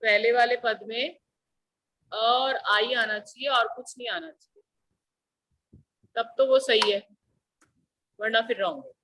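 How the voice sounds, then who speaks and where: Slow, bright-voiced woman teacher. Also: fairly high pitch, slight background noise, poor audio. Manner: slow, patient explaining with repeated questions to students. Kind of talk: classroom grammar lesson.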